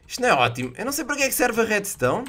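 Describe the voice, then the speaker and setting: A young man from Portugal with a European Portuguese accent, commentating his own gameplay in an excitable way and exclaiming at his misses. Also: sits high, racing. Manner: excitable, exclaims loudly at misses, jokey sound effects. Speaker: gaming youtuber.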